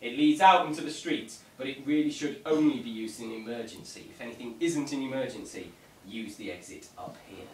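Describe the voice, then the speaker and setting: A man's voice: medium pitch, brisk, hardly any pauses. A man giving an informal briefing to a group as a tour guide, with a wry, dryly humorous and slightly mock-formal manner. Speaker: ghost tour guide leading a vigil. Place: indoors in an echoey room. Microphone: camera mic at a distance. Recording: echoey room, distant mic, faint noise.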